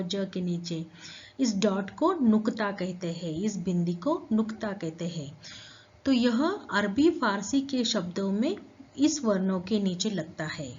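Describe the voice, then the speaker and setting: A woman teacher explaining a grammar lesson to schoolchildren, slow and patient. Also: mid-range voice, a little mellow, muffled recording.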